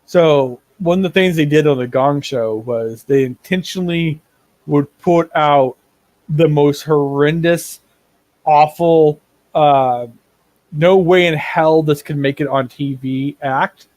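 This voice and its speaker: A man with a fairly high voice runs a tabletop game, rambling and circling back over his words as he rants. The recording is dry and close, with almost no room sound. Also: takes it slowly, a little mellow, no room sound. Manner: rambling, repeats words while building a rant. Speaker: game master. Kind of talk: running a tabletop game, casual chat.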